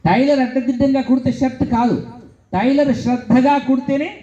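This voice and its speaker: A man's voice: extremely high pitch, normal speed, muffled recording. A man giving a motivational speech to students in a school hall, telling stories with lots of repetition. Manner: animated storytelling, repeats phrases. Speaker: motivational speaker.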